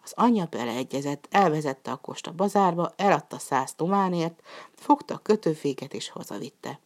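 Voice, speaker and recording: A woman narrating a folk tale in a calm storybook reading manner, lifting her voice for the characters' lines. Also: low-pitched.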